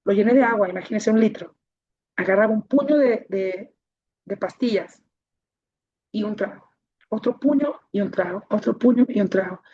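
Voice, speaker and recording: Before an audience, a woman who founded a child-protection association tells her life story in an emotional testimony, repeating key phrases for emphasis. Her voice is husky and medium-pitched, moving at a moderate pace with long pauses. The recording sounds dull and muffled.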